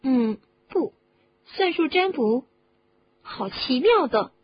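A woman voicing a studious, overworked teenage witch girl who talks high and eager and turns shrill when upset. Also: animated, slow pace, slightly rough, dull audio, full character voice.

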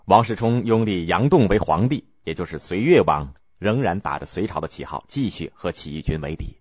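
Male storyteller, lively pitch, dry close sound, measured delivery. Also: breathy edge, dry recording. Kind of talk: scripted historical story narration. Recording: dull lo-fi recording.

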